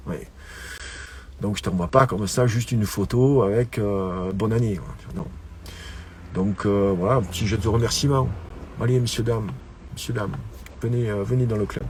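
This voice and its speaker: Rambling low-voiced man talking to viewers. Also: a little hiss or hum. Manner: rambling, repeats words and stumbles, colloquial. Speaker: online show host. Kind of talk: casual solo monologue to viewers.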